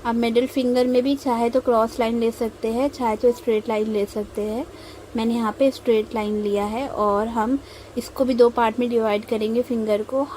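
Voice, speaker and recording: A young woman from India talks through a tutorial in a calm, unhurried voice-over, pausing often as she explains each step. Her voice sits a little high but sounds mellow and warm rather than bright. A faint hiss runs underneath. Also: rough recording. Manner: slow, patient explaining with frequent pauses. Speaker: mehndi tutorial host. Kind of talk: instructional voice-over while drawing.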